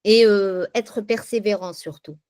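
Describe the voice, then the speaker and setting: A woman taking part in a casual group training chat, talking in a lively, encouraging way. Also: mid-range voice, unhurried, smooth, no echo.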